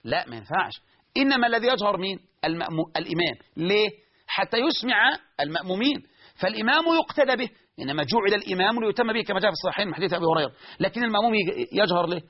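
Lively Egyptian preacher, high and quick. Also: male voice, breathy edge, lo-fi sound. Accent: Egyptian Arabic. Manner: lively, asks the audience questions and answers them. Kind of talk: religious lesson.

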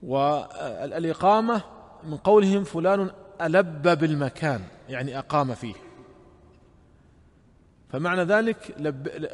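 Male religious teacher, measured explanatory delivery with repeated phrases, slightly higher voice, long hall reverb. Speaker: Islamic scholar. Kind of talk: religious lesson.

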